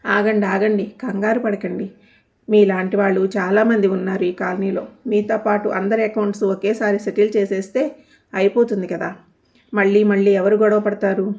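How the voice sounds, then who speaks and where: Lady doing a cool calm young wife, polite but teasing, warm voice, lo-fi sound. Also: medium pitch, moderate pace, natural voice. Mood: calm, sarcastic. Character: calm, witty young married woman, poised and sarcastic.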